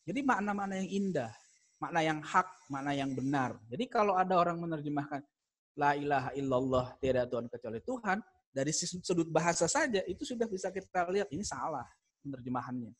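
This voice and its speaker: A man teaching an online class on Arabic grammar, with a voice pitched a little above the usual for men. He explains step by step and rises in emphasis on the points that matter, now and then chuckling at a funny example. The sound is that of a video call. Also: animated, quick pace, husky. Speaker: Islamic studies lecturer.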